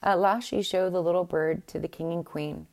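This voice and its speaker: A woman reads a fairy tale aloud in a low, mellow voice. Her telling is measured and steady, with an occasional small restart. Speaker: narrator. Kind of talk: scripted narration of a fairy tale.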